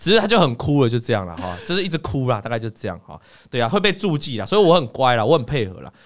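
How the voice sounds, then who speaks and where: A man hosting a casual chat, telling stories in an animated way and acting out scenes. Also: medium pitch, racing. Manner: animated storyteller, acts out scenes. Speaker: podcast host.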